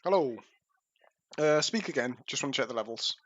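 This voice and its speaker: A man calling an esports match on a livestream, talking over a headset mic with a dry, slightly dull sound and no room around him. He keeps up casual, self-mocking chatter between plays at a middling pitch. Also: lively intonation, moderate pace, fairly bright tone, dry recording. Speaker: esports caster. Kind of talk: live game commentary.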